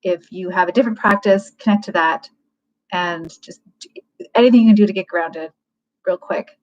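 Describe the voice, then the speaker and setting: A woman's voice: medium pitch, normal speed. A woman hosting a livecast, giving frank, casual advice and thinking aloud with plenty of fillers. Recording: dull lo-fi livecast audio.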